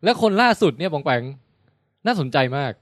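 A man's voice: high-pitched, fairly quick, dry recording. A man co-hosting a casual podcast chat, telling stories and acting out what people said. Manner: animated storyteller, acts out quotes. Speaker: podcast co-host.

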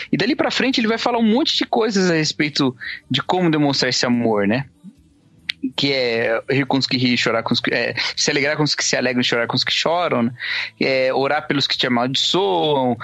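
A man's voice: fairly high pitch, a bit bright, no echo. A man, speaking as a pastor in a podcast discussion, earnest and emphatic.

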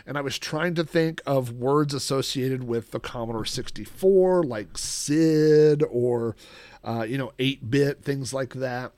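A man's voice: mid-range voice, a little slow, a little mellow, no echo. A middle-aged man telling a casual, rambling story as a podcast host, with lots of ums and restarts. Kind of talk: casual solo chat.

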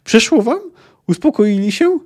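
A man voicing a fierce young woman archer, shouting shrilly at two brawlers while reading a story aloud. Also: high voice, animated, measured pace, pitched above the performer's own voice. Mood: furious scolding.

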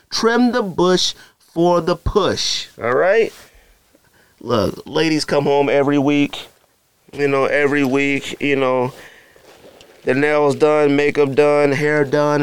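The voice is a little high and smooth: a married adult man hosting his sneaker podcast alone. Casual and animated, he jokes and talks directly to listeners, with an ad read in the mix.

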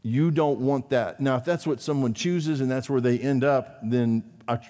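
Man, pastor, sermon, emphatic peaks and hushed drops, church sanctuary, long reverb. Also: moderate pace. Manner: preacherly, rising to emphatic peaks then dropping low and quiet.

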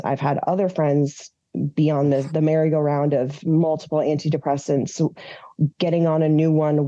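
Dark-voiced woman telling her story. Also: low-pitched, dry recording, dull audio. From Minnesota, US. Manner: open and earnest, with frequent fillers and restarts. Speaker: podcast guest, advocacy founder. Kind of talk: candid personal storytelling in an interview.

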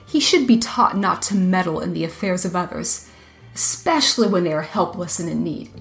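A woman voicing a gentle, cunning old grandmother in a storybook reading, speaking in a knowing, kindly way. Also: fairly low pitch, lively intonation, moderate pace, vocal fry, faint music behind.

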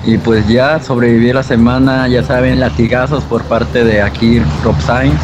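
A man's voice: medium pitch, fairly even intonation, normal speed, background noise. A man chatting casually as a podcast panelist. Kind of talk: casual chat. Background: clear background music.

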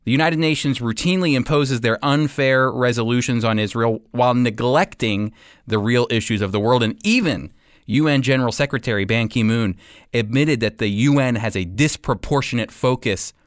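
As a radio host and preacher, a man delivers teaching and commentary in an emphatic, deliberate style marked by weighty pauses. His voice is medium-pitched, and the recording is dry with clean studio sound.

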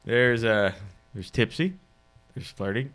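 A man acting as game master, narrating a tabletop role-play game in a relaxed, wry way. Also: mid-range voice, takes it slowly, a little hiss or hum.

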